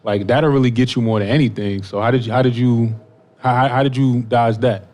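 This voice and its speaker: A man hosting a casual podcast, asking questions in a relaxed way with plenty of encouraging "mm-hmm"s. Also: mid-range voice, a little fast. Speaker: podcast host. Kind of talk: casual interview chat.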